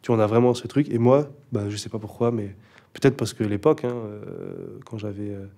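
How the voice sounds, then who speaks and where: Speaking briskly in a lowish, gravelly voice with a dark tone, a young male rapper chats casually as an interview guest. He's laid-back but hesitant, often using fillers and restarting.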